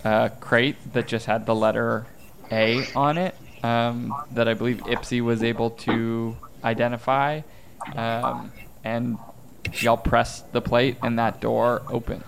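A man narrating a tabletop game as its game master, unhurried and halting, reaching for words as he explains the scene. There is steady noise behind his voice. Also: mid-range voice, vocal fry. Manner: slow, hesitant, many fillers.

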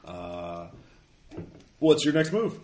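A man running a tabletop game as game master, narrating casually in a halting, hesitant way. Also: low-pitched, big pitch swings, darkish tone. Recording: echoey room, noisy, clicks.

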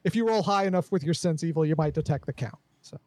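A man's voice: a little high, fast talker, darkish tone, no room sound. A man running a tabletop game as game master, laid-back, often laughing and repeating himself.

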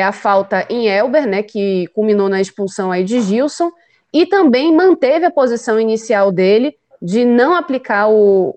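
A woman hosting a post-match football talk show, speaking haltingly and searching for words as she sets up questions. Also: mid-range voice, a little mellow. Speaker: host.

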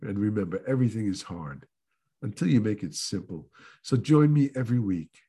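A man hosting a self-help talk, congested and nasal from a cold, earnest and coaching with pauses and restarts. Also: lowish voice, animated, mellow. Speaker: podcast host.

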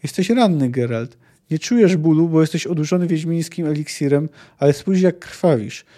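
A man's voice: on the high side, moderate pace, warm tone, close to an everyday voice. A man reading as a cold, secretive sorceress. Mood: urgent. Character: cold, secretive sorceress woman, firm and persuasive.

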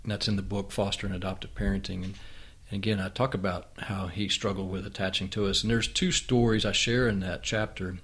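A man hosting a conversation with his wife, reflective and unhurried, with frequent restarts. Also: low voice, steady tone, fairly bright tone, breathy edge. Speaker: podcast host and author.

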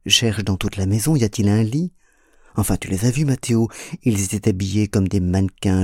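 A man's voice: on the low side, darkish tone, breathy edge, dry recording, studio quality. A man doing a proud, mocking young woman. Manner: mocking, defiant. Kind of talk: audiobook reading.

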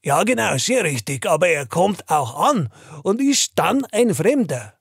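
A man doing a high, gravelly schoolmaster. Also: big pitch swings, a little slow, no echo, heavily acted. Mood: schoolmasterly. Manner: schoolmasterly, questioning. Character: male schoolteacher quizzing his class.

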